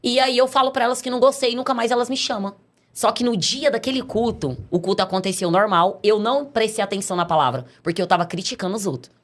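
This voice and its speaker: A woman's voice: medium pitch, fast talker. A middle-aged Brazilian woman telling her life story as a podcast guest, acting out the voices of the people in her tale. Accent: Brazilian Portuguese. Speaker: podcast guest giving a testimony. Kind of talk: casual storytelling testimony.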